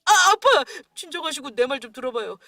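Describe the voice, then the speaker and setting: A spineless young husband, played by a woman, who stammers and pleads his way through trouble in a radio drama. The voice sits high and bounces around, recorded dry and close. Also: big pitch swings, normal speed, no echo. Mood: pleading. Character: weak, stammering grown son and husband.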